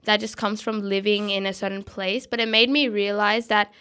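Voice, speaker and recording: A woman's voice: medium pitch, little pitch movement, normal speed, fairly bright tone, clean tone. A young woman, a radio guest speaking thoughtfully with many "like" and "I think" fillers. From Australia. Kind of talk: conversational interview.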